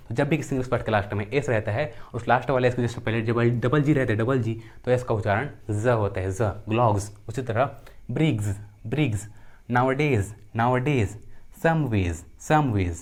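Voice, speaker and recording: Speaking slightly quickly in a mid-range voice, a young English teacher gives a lesson on pronunciation. He goes over each rule and sample word repeatedly, answering the questions he raises.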